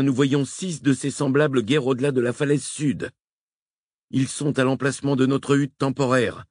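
A man reading a novel aloud, voicing an excitable male engineer reporting over the radio. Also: mid-range voice, no echo, clean studio sound, pitched above the performer's own voice, lightly acted.

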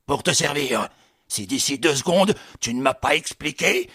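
A man's voice: medium pitch, expressive, normal speed, sharp tone, dry recording, clean studio sound. A man playing a furious young army captain who barks threats and scornful jibes in an audiobook. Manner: gruff threats and scornful laughter.

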